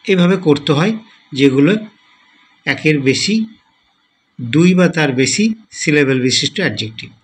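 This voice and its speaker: A man teaching a grammar lesson at an unhurried, deliberate pace. His voice sits a little high for a man, and he spells words letter by letter and repeats each form patiently. He checks in with the class through questions as he goes. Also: animated, rough recording. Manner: asks the class questions to guide them. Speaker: English grammar tutor. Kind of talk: slow explanatory lesson.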